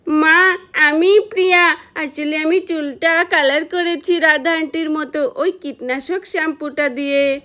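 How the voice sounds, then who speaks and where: A woman's voice: high-pitched, fairly bright tone. A woman voicing a playful young girl in a doll story, gleeful and pleading by turns. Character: young girl who dyed her hair, playful.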